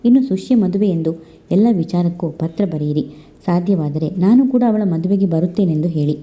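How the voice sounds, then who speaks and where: A woman reading aloud a courteous letter from a young man to an elder, in a measured storytelling voice. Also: lowish voice, expressive, warm tone, natural voice. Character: young man writing a polite family letter.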